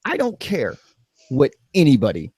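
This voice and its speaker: A man co-hosting a casual podcast, talking in a sarcastic, rambling way that swings from flat to animated. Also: mid-range voice, moderate pace, slightly rough, no echo. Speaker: podcast co-host.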